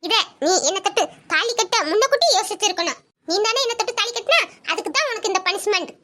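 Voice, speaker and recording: A woman's voice: extremely high pitch, expressive, quick pace, heavy background noise. A woman playing a wailing, bossy new bride in a comic couple sketch. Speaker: new bride in a comedy skit.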